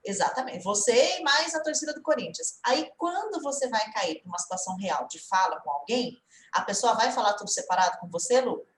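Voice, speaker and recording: A woman's voice: fairly high pitch, expressive, fairly quick, echoey room, slight background noise, rough recording. A woman with a Brazilian Portuguese accent, an English teacher giving an online lesson and quizzing her student as she explains.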